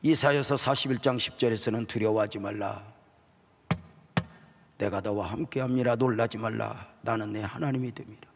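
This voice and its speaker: A middle-aged male pastor with a low, husky voice delivers a sermon with strong emotion, dropping to a hush and then climbing into emphatic peaks. His words ring out with a long tail of reverb, as if they were recorded in a large church hall. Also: steady tone, normal speed. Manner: emotional storytelling, swinging from hushed to rising emphatic delivery.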